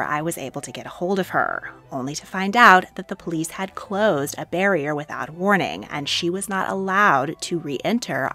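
A woman narrates her travel story in a scripted voice-over. Her voice is bright and lively, swinging up and down in pitch and sitting a little low, with soft music underneath. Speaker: history channel host.

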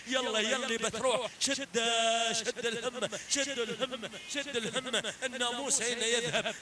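A man calling a live camel race, excited and urging, repeating his phrases over and over. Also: very high voice. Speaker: race commentator. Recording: echoey, distant, faint hiss.

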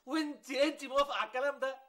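An actor playing a jealous, desperate middle-aged husband in a TV drama, with an Egyptian Arabic accent, pleading and emotional. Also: male voice, extremely high pitch, steady tone, racing, pushed and bright, a little hiss or hum. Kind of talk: TV drama acting.

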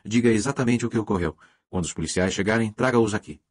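A man reading the part of a composed older gentleman who gives brisk, practical instructions in an audiobook. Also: fairly low pitch, natural voice. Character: composed older English gentleman, husband of the house.

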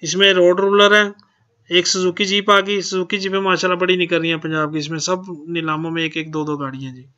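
Guy reading auction notices, high tense voice, dull lo-fi sound. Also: little pitch movement, a little fast, sharp tone. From Pakistan. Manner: plain, repeats "ji" often. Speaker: channel host.

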